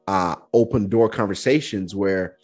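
A young man hosting a podcast, telling stories in a relaxed, chatty way full of "like" fillers. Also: low voice, measured pace, slightly rough. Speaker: podcast host. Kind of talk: casual conversational storytelling.

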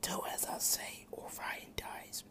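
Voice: slow, bright, forceful tone. A young amateur reader voicing a menacing male demon king in a distant, eerie whispered role-play.

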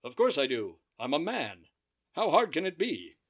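Radio play: man as a cocky masked hero, lively and high-ish, dry wit. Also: moderate pace, husky, heavily acted. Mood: wry. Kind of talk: comic old-time radio play acting.

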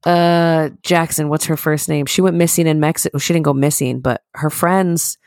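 Loose, rambling young woman with gravelly edges. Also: low-pitched, steady tone, normal speed, a little mellow, dry recording, clean studio sound. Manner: rambling storyteller, loose and profane. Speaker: podcast co-host. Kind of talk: casual chat.

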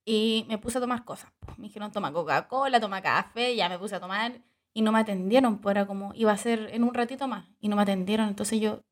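A woman's voice: mid-range voice, fast. A woman with a Chilean accent, co-hosting a casual chat. She tells her story expressively and acts out the scenes with gasps. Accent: Chilean Spanish. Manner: expressive, laughs and gasps while acting out scenes. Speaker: podcast co-host.

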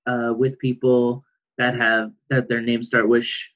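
A man's voice: mid-range voice, level tone, a little slow, fairly bright tone. A man in casual, joking conversation. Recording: muffled lo-fi voice recording.

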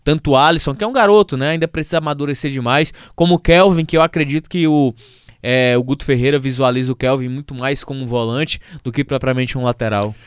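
Analytical cearense football commentator. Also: male voice, medium pitch, quick pace, clean tone, no echo, clean studio sound. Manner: analytical, thinks aloud with restarts. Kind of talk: casual sports podcast analysis.

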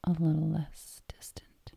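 Very soft, breathy woman, calm and meditative. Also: deep voice, unhurried, no echo. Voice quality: soft, breathy, often near a whisper. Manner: calm, soothing, meditative delivery. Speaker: hypnosis guide. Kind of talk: guided hypnosis meditation.

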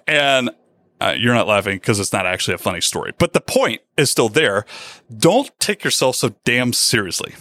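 A male podcast host talking candidly, with a lively voice that swings up and down a lot. His self-deprecating, chatty manner comes through a dry, close mic. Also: medium pitch, normal speed, dry recording. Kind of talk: casual podcast chat.

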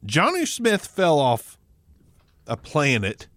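A man's voice: on the high side, huge pitch swings, slow, a bit bright, dry recording, studio quality. Joking, blunt man on a remote podcast. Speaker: podcast co-host. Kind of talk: casual fantasy football chat. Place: home, recording remotely. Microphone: remote call mic.

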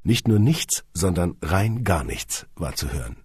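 A man narrating an audiobook with dry humour, now and then turning to address the listener. His voice is low and husky, with a lively, varied melody. The recording is close and dry. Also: measured pace, dry recording. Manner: wry, dry humour, speaks to the listener directly.

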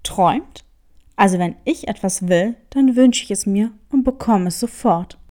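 Sly storybook tomcat, low and slow, cryptic and boastful, a woman puts him on. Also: warm tone, close to an everyday voice.

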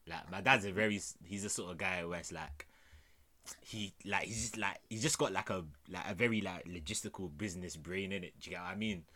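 Young man, London roadman accent. Slightly low, bright and hard-edged tone, slang-heavy casual chat. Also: brisk. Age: young adult. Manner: animated slangy delivery with repeated tags.

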